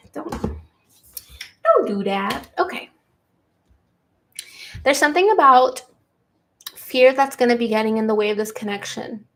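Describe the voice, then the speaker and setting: Giddy, high-voiced woman tarot reader. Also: slow pace, pauses often. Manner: giddy and excitable, breaking into laughs; earnest, repeats key lines for emphasis. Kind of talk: collective tarot reading to camera.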